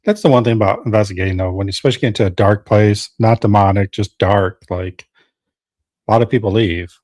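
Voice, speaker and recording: A podcast host with a fairly low man's voice talks casually with a guest about paranormal investigating. He reads out listener comments in a relaxed manner. His voice is recorded close and dry, with no room sound. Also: quick pace, dry recording. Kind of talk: casual interview.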